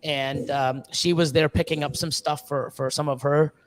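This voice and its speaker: Rambling man with a slightly high voice. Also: steady tone, moderate pace, slight background noise. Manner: rambling, loose, many fillers and restarts; swears casually. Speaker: guest, ball python breeder. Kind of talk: casual live-stream chat. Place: reptile facility in Ontario.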